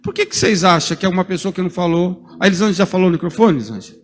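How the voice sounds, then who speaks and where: A man preaching a sermon as a pastor, lively and joking, calling on people in the congregation by name. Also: high-pitched, rapid-fire, in a large hall.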